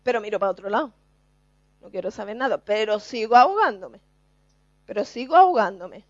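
A woman's voice: medium pitch, animated, dry recording, muffled recording. A woman preacher giving an earnest, emphatic sermon to her congregation. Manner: earnest, slow and emphatic, addresses the congregation directly.

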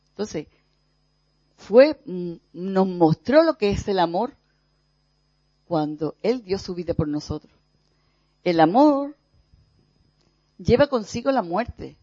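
A preacher from gives a reflective spiritual teaching, speaking thoughtfully with pauses and soft repetitions. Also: mid-range voice, slightly rough, no echo. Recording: dull, dry lo-fi recording.

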